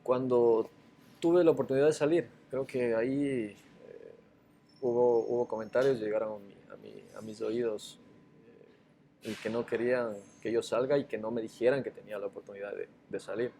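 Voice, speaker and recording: A man's voice: mid-range voice, steady tone, normal speed, gravelly, mellow, a little hiss or hum. A man from Ecuador with an Ecuadorian accent, a former footballer answering interview questions hesitantly, with many fillers and repeated words. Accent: Ecuadorian Spanish.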